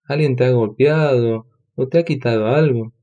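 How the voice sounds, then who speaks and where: A man voicing a gentle young divine cowherd in a storybook reading, speaking kindly. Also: mid-range voice, moderate pace, highs cut off, natural voice. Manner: kind, soothing.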